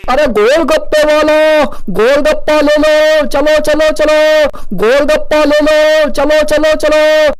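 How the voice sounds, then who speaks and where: A man voicing a loud cartoon street snack vendor with sing-song hawking calls. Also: very high-pitched, little pitch movement, slow, few pauses, poor audio. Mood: cheerful.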